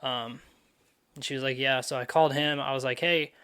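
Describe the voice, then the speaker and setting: A man's voice: mid-range voice, fairly even intonation, brisk, pushed and bright, clear, resonant tone. A young man hosting a podcast, telling a story in a loose, profane, casual way full of fillers. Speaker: podcast host.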